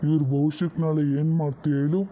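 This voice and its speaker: A man's voice: on the high side, level tone, fast, dull audio, slight background noise, lightly acted. A man voicing a stern but doting old grandfather, who scolds and then turns fond. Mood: fatherly.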